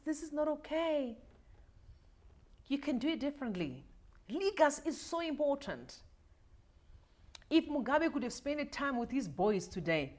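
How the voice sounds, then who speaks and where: Impassioned high-voiced woman in her forties. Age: 40s. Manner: emotional, repetitive, preachy, addresses viewers directly. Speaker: livestream host. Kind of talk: impassioned political commentary.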